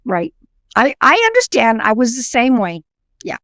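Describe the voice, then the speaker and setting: A middle-aged woman with a somewhat high voice tells her story earnestly. She keeps restarting with fillers, and the sound is dry and close. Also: huge pitch swings, moderate pace, a bit bright, dry recording. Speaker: guest psychic medium. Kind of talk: conversational interview.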